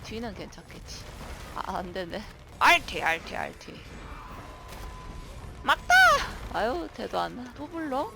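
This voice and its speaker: A woman streamer commenting on her own gameplay, excitable, shouting commands and cursing at monsters. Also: mid-range voice, unhurried, vocal fry, pauses often, very noisy. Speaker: gaming streamer.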